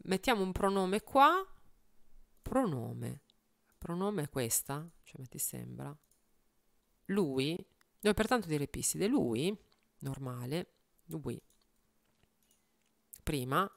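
A woman's voice: sits low, very animated, takes it slowly, vocal fry, pauses often, fairly bright tone, no room sound. A woman who sings, thinking aloud in casual chat while she strings words into lyrics, muttering lists of words and trying out phrases with a wry, self-mocking manner. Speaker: singer and video host.

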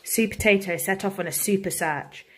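A woman, a primary school teacher, reading a picture book aloud to children in an expressive, engaging way. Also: medium pitch, normal speed, breathy edge.

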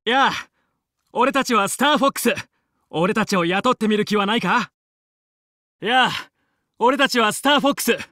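A man's voice: sits high, normal speed, pauses often, bright, forceful tone, no echo, studio quality. A male actor playing a confident, heroic young fox who leads a team of space pilots in a video game, with cool, resolute, clipped delivery. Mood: friendly, confident. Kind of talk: Japanese video game battle voice lines.

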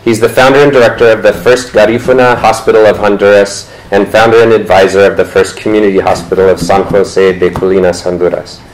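Reading panelist introductions off his notes, this moderator, a man in his thirties, occasionally trips over a word and fixes it. He talks fairly quickly in a level, lowish voice with hardly any pauses, in an indoor lecture room. The audio is poor.

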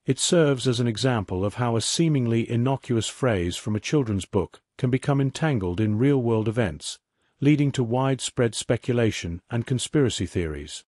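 Male narrator, even documentary read, mid voice, dead-dry booth sound. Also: medium pitch, moderate pace, dry recording. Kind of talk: scripted narration.

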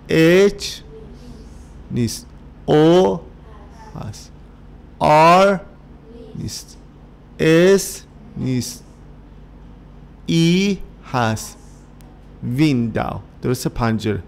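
Gravelly man drilling English letters. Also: mid-range voice, a little mellow. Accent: Persian. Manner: slow drilling, spelling out letters one by one. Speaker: English teacher. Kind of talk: workbook lesson for children.

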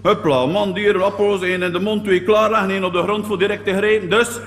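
A man with a Flemish accent performing a stand-up monologue as a schoolteacher character, animated and digressive, always tagging his sentences with little questions. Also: high-pitched, fast, noisy background. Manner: animated and digressive, peppers talk with tag questions.

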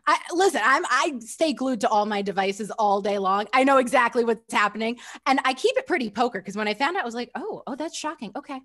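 A woman's voice: fairly high pitch, lively intonation, fast, hardly any pauses, fairly bright tone. A woman hosting a school webinar over a video call, chatty and upbeat, laughing often and using lots of fillers. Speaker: webinar host for school staff. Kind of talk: casual presenting on a video call.

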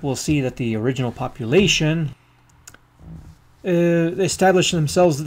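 A man giving a geography lecture over maps, speaking haltingly with many ums and uhs as he marks things with a pen. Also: on the high side, darkish tone.

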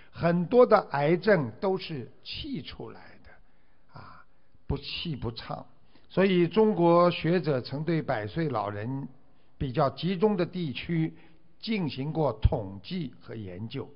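A man giving a Buddhist dharma talk, exhorting his listeners and stretching out drawn 'ah' particles between phrases. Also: fairly high pitch. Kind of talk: sermon. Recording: dull lo-fi recording.

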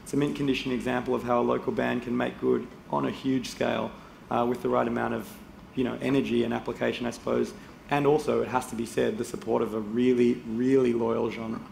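Gravelly-voiced male panel moderator. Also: medium pitch, a little fast, few pauses. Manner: relaxed and chatty, reading prepared notes. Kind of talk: moderating a panel, reading a guest bio. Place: indoor conference stage. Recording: roomy hall with faint noise.

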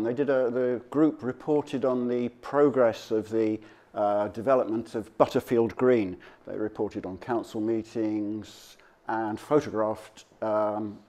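With a lowish, dark-toned voice, this man presents local history through an informal slide talk, his delivery halting and improvised as he chats to the audience.

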